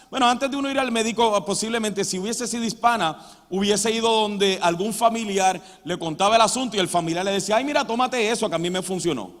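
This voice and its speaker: A male pastor preaching a sermon, emphatic, moving between loud stresses and quiet passages. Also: very high voice. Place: church hall. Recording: church hall reverb.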